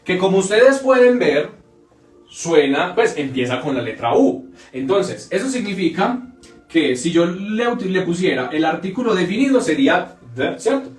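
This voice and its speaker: A man's voice: sits high, very animated, moderate pace, recorded from a distance. A man teaching a live online English grammar class, repeating example words over and over as he explains. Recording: echoey room, off-mic, faint music.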